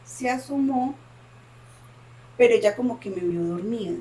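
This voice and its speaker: A woman's voice: on the high side, moderate pace, slight background noise. A woman, co-hosting a podcast and dramatically retelling a personal story with lots of repetition. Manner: dramatic, animated retelling with repeated phrases. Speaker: podcast co-host. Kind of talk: casual storytelling.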